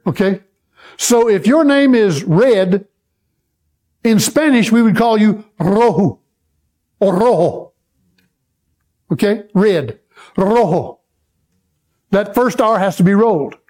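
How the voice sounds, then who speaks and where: A man preaching a sermon, teaching slowly and checking in with the congregation as he goes. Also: high-pitched, animated, a little mellow. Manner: slow, repetitive, checks in with the congregation. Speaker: pastor.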